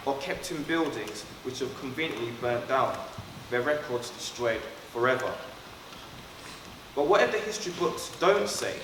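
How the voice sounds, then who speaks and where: A man from London, born in Trinidad, leading a school assembly and speaking earnestly and directly to pupils. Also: medium pitch. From born in Trinidad, raised in London. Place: school hall. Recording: echoey hall, far from mic, background noise.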